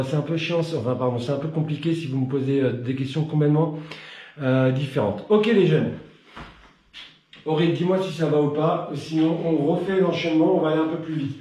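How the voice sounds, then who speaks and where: On the high side and mellow, this French man's voice carries a live online Krav Maga lesson full of counted combinations and punchy strike effects, with chatter between drills. He comes across warm and slightly winded. Recording is from a distance in a very echoey room.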